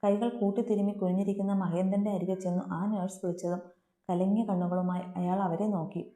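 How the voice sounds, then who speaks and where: Mellow woman narrating a story, echoey room. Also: mid-range voice, fast. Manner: steady, earnest reading. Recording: roomy echo.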